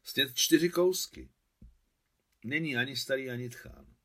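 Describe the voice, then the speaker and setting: A man's voice: medium pitch, bright, forceful tone, voice pushed up. A man reading aloud and voicing a fussy, nagging old village woman. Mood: chiding. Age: older. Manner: scolding, fussy. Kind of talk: audiobook reading.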